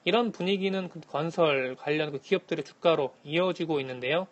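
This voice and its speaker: A man calling in to a radio show as a correspondent, giving a formal, scripted economic briefing in a measured manner. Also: on the high side, dull audio. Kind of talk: scripted news briefing, answering by phone. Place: phone link to a radio programme.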